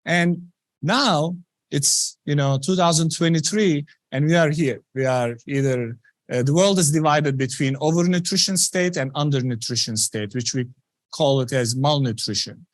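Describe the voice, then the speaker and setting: A man presents his research to a general audience. He talks earnestly and conversationally in a somewhat high voice. The sound is dry and close. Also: normal speed, dry recording. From Turkey. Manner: earnest, conversational, many "you know" fillers. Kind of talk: public science talk.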